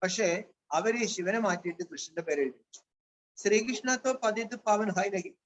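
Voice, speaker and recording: High-voiced man giving a spiritual discourse. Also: brisk. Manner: reads a line, then explains it plainly. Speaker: Brahma Kumaris spiritual teacher. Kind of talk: devotional discourse reading Hindi lines and explaining in Malayalam. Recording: dull, lo-fi with faint hiss.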